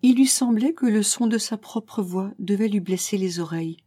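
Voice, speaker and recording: A woman reading a classic story aloud in a calm, measured way. Her voice is warm and mellow, and the recording is dry and close, with no room around it. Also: medium pitch, husky, no room sound. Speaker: narrator.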